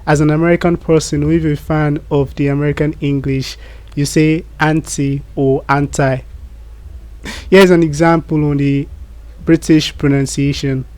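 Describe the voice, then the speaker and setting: A man's voice: a little high, darkish tone, dry recording. Man teaching word pronunciation. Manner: explains slowly, gives examples. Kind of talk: English pronunciation lesson.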